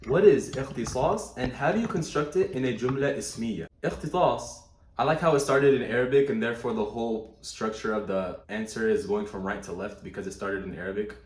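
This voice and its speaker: An Arabic language teacher with a mid-range voice moves quickly through a grammar lesson in casual explanatory commentary, reading answers aloud, correcting them, and slipping easily into Arabic terms. His voice rings out in an echoey room.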